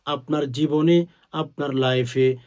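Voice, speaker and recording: A male preacher delivering an impassioned sermon in a slightly high voice. He speaks to his listeners as friends and stretches key words into loud, drawn-out calls. Short prayer phrases come slow and chanted. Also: fairly even intonation. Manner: addresses listeners directly as friends; chants Arabic phrases slowly.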